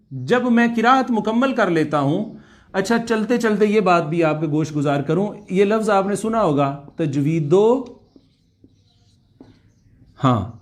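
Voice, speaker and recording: High-voiced man drilling Arabic phrases. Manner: slow, repeats Arabic words many times for drilling; explains in Urdu, asks students to repeat aloud. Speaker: Arabic language teacher. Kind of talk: online class lecture.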